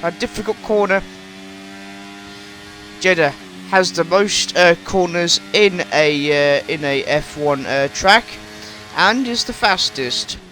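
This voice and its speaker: A man commentating his own racing game run, halting and full of fillers, then bursting into shouting excitement, his voice straining. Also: on the high side, faint music behind, poor audio. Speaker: gaming YouTuber commentating his own race. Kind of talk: excitable race commentary over gameplay.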